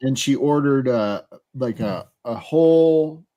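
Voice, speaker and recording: A man's voice: medium pitch, slow pace, mellow, highs cut off. A man co-hosting a podcast in casual chat, rambling with lots of fillers and frequent laughter. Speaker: podcast co-host.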